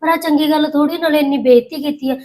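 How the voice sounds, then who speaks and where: A woman's voice: high voice, steady tone, racing, darkish tone, natural voice. A woman playing a resentful elder daughter-in-law. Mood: grumbling. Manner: grumbling, indignant. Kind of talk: village family drama acting.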